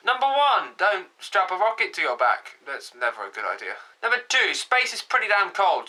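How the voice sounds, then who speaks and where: A man's voice: high-pitched, bright, forceful tone, rough recording. A man giving a jokey vlog monologue, full of puns and mock apologies. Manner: punning, self-mocking, quick apologies. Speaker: comedy vlogger.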